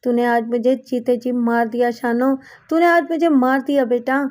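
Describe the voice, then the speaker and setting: A woman's voice: on the high side, fairly even intonation, a little mellow, close to an everyday voice. A woman voicing a hot-tempered, tormented young man in an audiobook, reading his lines with impassioned pleading. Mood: anguished.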